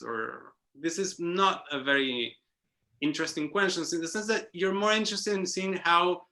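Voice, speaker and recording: On an online round-table call, a guest speaker with a high-ish, bright, forceful voice joins an academic discussion. His manner is hesitant: he thinks out loud, restarts frequently, and keeps adding a questioning "no?" tag.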